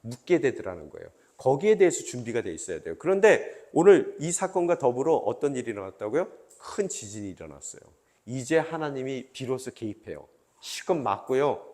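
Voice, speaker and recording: A male pastor delivers a sermon with a voice of middling pitch. He tells his story with animation and keeps asking his listeners questions as he goes. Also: very animated, fairly quick, darkish tone.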